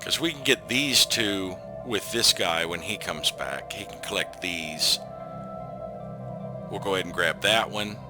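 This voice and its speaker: Low-voiced man musing over gameplay. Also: unhurried. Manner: thinks aloud, trailing off with frequent ums. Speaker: let's play host. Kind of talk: casual gameplay commentary. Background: game music.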